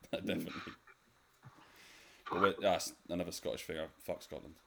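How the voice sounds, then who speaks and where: A man's voice: sits low, steady tone, moderate pace, gravelly, a bit bright. A British man in casual podcast banter, blunt, teasing and freely swearing, as a co-host.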